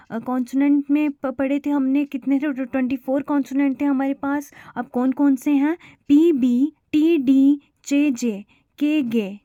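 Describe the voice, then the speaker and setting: A woman with a high, mellow voice teaches shorthand, pausing often and repeating herself as she explains. The sound is close and dry, with no room around it. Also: no room sound, highs cut off. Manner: halting, many fillers, repeats itself. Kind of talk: online lesson explaining to viewers.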